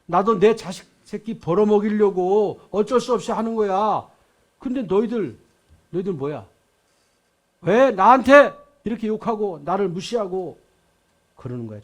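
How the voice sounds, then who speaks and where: An older pastor voicing a bitter, resentful rich male tax collector who lashes out in indignant outbursts. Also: sits high.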